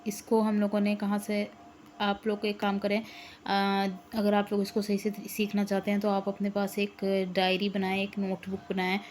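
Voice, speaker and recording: A woman's voice: medium pitch, monotone, darkish tone, slight background noise. Patient woman teaching Arabic letters. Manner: patient, repeats letters slowly. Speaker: Quran teacher. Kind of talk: online lesson.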